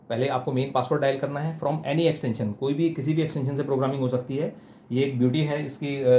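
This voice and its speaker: A man's voice: medium pitch, a little mellow. Man teaching phone system programming. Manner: explanatory, mixing in English terms, with fillers. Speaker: telecom instructor. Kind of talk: technical tutorial demonstration.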